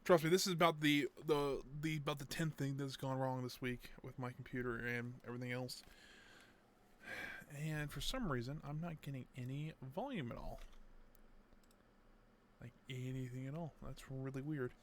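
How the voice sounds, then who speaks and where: A man's voice: mid-range voice, steady tone, moderate pace, a little hiss or hum. A man streaming a game over livestream headset audio, chatting casually and rambling to himself as he sorts out his setup. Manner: rambling, talks to himself while fixing things. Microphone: gaming headset mic on a livestream.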